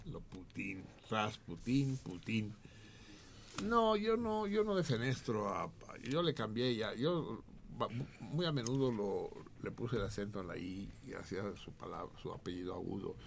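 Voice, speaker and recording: A man hosting a radio show, joking and swearing in casual, animated talk. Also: fairly low pitch, unhurried, vocal fry, slight background noise. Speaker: radio host. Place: radio studio.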